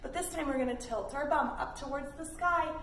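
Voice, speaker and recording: The voice is a woman's, high-pitched, a little fast and fairly bright. She teaches children's yoga by reading a picture book aloud expressively and giving young kids simple, encouraging instructions, recorded in an echoey room on a distant mic with background noise.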